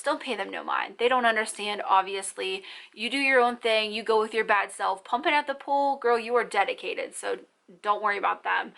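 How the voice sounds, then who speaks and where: A young woman answering viewer questions in a casual vlog, talking fast and chatty with an encouraging tone. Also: medium pitch, sharp tone. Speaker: parenting vlogger.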